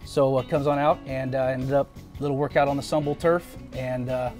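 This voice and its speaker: Relaxed man recalling a teammate. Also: mid-range voice, brisk, soft background music. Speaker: former teammate. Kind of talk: documentary interview.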